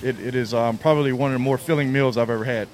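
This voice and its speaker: A man who is a show guest speaks quickly in casual conversation. He hesitates and repeats his words as he goes. His voice sits at a middle pitch. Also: fairly even intonation, a little hiss or hum.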